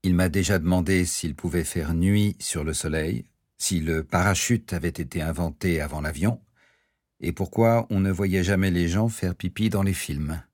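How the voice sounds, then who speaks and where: A man reading an audiobook voices a male doctor who explains things in a calm, wry way. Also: low voice, moderate pace, no echo, studio quality. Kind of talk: audiobook character voice.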